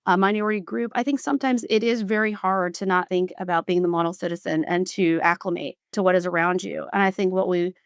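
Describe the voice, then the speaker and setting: Smooth-voiced Southern US woman, reflective. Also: lowish voice, fairly even intonation, no room sound, clean studio sound. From South Carolina, US. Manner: reflective, measured, with frequent restarts. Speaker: guest executive. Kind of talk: podcast interview.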